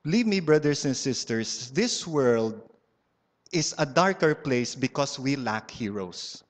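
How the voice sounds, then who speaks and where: A man's voice: mid-range voice, big pitch swings, slow. A man with a Filipino accent giving a humorous testimony talk at a church community gathering, a playful storyteller who mixes Tagalog and English and teases his audience. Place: large hall before a live audience. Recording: long hall reverb.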